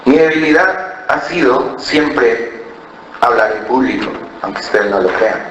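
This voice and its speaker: A pastor born in Ecuador and raised in Colombia, with a Cali accent, preaches a sermon in church and tells a personal story, mimicking other voices and frequently asking "¿verdad?". His mid-range voice is expressive, a little slow, and fairly bright. The room is echoey, the audio dull, with slight background noise.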